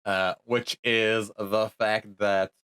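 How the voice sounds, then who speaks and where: A man's voice: fairly low pitch, flat delivery, takes it slowly, pushed and bright, clean tone. A man hosting a podcast in casual chat, hesitant with many fillers as he moves the talk along. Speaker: podcast host.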